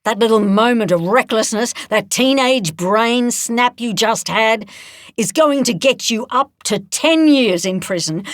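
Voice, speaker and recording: Audiobook: woman voicing an angry lady cop, commanding, with lively pitch and a dry sound. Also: dry recording, lightly acted. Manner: commanding, furious. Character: furious female police officer.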